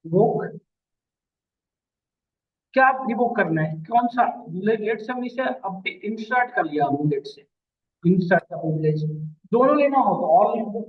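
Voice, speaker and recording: Male teacher, high voice, mic far off, phone-quality audio, talks to a class. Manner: addresses students as beta, asks checking questions. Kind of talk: classroom lecture. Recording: distant mic, phone-like lo-fi sound.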